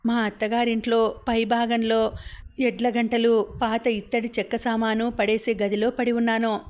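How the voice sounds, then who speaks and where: Woman reading a novel in a flat, even voice. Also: fairly high pitch. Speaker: audiobook narrator. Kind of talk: first-person novel reading. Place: home recording.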